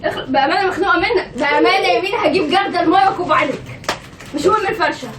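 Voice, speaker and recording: A woman with an Egyptian accent in casual home banter, talking in an insistent, excitable, nagging way. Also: very high-pitched, rapid-fire. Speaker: mother and wife in a family prank vlog. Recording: echoey room, distant mic, noisy background.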